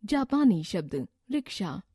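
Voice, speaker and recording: Slow, mellow woman reading a lesson. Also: mid-range voice, sing-song, slightly rough, no echo, clean studio sound. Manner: slow, deliberate listing of word examples. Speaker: textbook narrator. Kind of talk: scripted grammar lesson reading.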